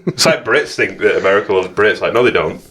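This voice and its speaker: A young man with a fairly low voice, chatting over drinks on a podcast. He is blunt and dismissive and swears a lot. A faint hiss sits under his voice. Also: expressive, fast, fairly bright tone. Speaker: podcast co-host. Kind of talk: casual chat over drinks.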